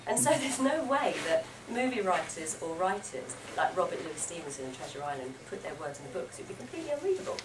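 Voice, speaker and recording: A woman with a lively, swooping voice gives a playful talk to schoolchildren, firing questions at the room and praising the answers. She sounds distant from the mic in an echoey room, with steady noise underneath. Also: lowish voice, fast talker, few pauses. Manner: animated, playful, quizzes and praises the kids. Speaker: children's author giving a library talk. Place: library event room.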